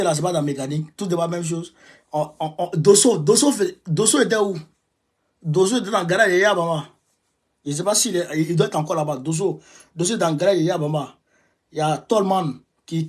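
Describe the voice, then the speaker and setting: Ivorian guy going off in a heated rant, husky voice, says stuff twice, gets loud then mutters. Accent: Ivorian French. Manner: emphatic and repetitive, veering between raised outbursts and low muttering. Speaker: political commentator. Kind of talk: impassioned monologue.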